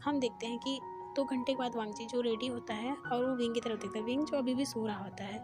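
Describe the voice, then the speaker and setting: A woman's voice: fairly high pitch, brisk. Woman narrating a story over music. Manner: plain, steady storytelling with small restarts. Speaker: fan fiction storyteller. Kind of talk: reading a story aloud. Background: background music.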